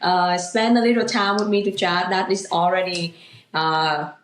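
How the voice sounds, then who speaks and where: A woman in her thirties from Vietnam, with a Vietnamese accent, speaking English as a second language as a guest in a casual interview, halting and full of fillers. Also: on the low side, fairly even intonation, reverberant, slight background noise. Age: 30s. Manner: halting, many "you know" and "like" fillers, laughs easily. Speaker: guest, real estate agent.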